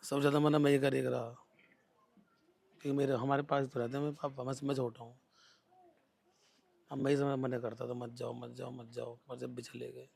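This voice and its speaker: Husky, flat-voiced young man. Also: mid-range voice, a little fast, long pauses. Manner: faltering, repeating himself. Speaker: interviewee, son. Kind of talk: field interview answers.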